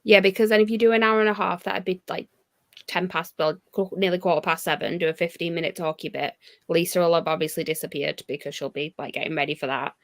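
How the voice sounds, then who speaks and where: A woman's voice: on the low side, fairly even intonation, fast. A woman co-hosting a casual livestream chat over a video call, chatty and restarting sentences as she explains. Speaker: co-host on a livestream.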